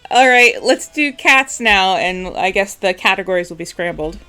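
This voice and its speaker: A woman's voice: medium pitch, expressive, normal speed, sharp tone, clean tone, faint music behind. A giggly, self-deprecating woman hosting improv games on a stream. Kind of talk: casual game hosting.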